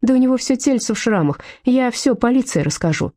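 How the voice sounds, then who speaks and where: Woman voicing a feisty sharp-tongued heroine. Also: on the high side, animated, fairly quick, no room sound, studio quality, voice pushed up, close to an everyday voice. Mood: defiant. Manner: sharp-tongued, defiant, tender with her dog. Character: feisty bold woman, defends her dog.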